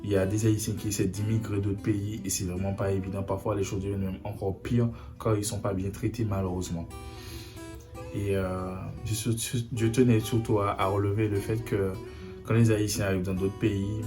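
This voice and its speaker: Earnest young Haitian man, low voice. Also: level tone, a little fast. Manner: earnest, repeats himself for emphasis. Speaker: vlogger. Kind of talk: personal video message. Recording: faint guitar music behind.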